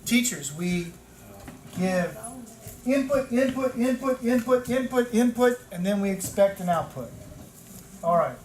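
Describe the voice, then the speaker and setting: A man in his fifties, a teacher trainer giving an animated lecture with stories, repeating words for emphasis. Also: high voice, unhurried, pauses often. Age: 50s. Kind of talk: classroom lecture. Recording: echoey room from far off, noisy.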